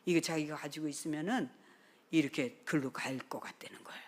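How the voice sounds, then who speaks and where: A middle-aged woman pastor preaching a sermon, telling stories with lively acted-out dialogue, sometimes dropping to a whisper and then rising loud. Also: low-pitched, a little fast, breathy edge. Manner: animated storytelling, acts out dialogue, drops to a whisper and then bursts loud.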